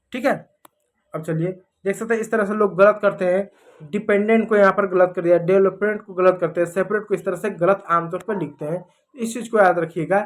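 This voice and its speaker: A man's voice: high voice, a bit bright. A man teaching English spelling rules in a patient lesson, often repeating examples and asking "okay?". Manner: repeats examples, checks in with "ठीक है". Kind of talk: explanatory lesson over slides.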